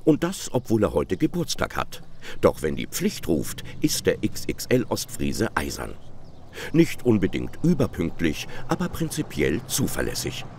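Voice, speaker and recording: A man's voice: low-pitched, huge pitch swings, a little slow, vocal fry, a little mellow, a little hiss or hum. A man narrating a television documentary in a wry, playful scripted style.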